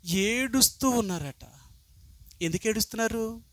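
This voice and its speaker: A male pastor preaching a sermon in a prayer house, swinging from low, quiet explanation to loud, impassioned pleading. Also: measured pace, no echo.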